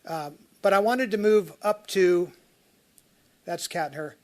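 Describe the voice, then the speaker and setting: Brief: male appellant giving testimony, somewhat high voice, chatty and rambling, keeps restarting sentences. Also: a little slow. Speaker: taxpayer appellant testifying at a tax appeal hearing. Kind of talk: spoken testimony walking through slides.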